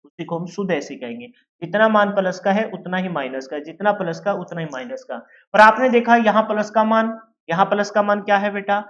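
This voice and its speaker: A man's voice: high voice, brisk, fairly bright tone, muffled recording. A male teacher giving a lecture, who asks questions and answers them himself and calls his students "beta". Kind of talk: classroom lecture.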